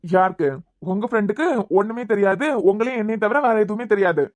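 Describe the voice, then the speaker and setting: A woman with a Kanyakumari Tamil accent voicing an exasperated young man who answers with quick, sarcastic explanations in a cartoon web series. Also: mid-range voice, darkish tone, no room sound, natural voice. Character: exasperated young man, patient but fed up.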